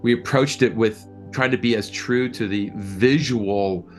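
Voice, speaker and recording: Speaking as a producer, a man answers interview questions in a thoughtful, conversational way, frequently halting and repeating words. His voice is fairly low, and faint music plays behind him.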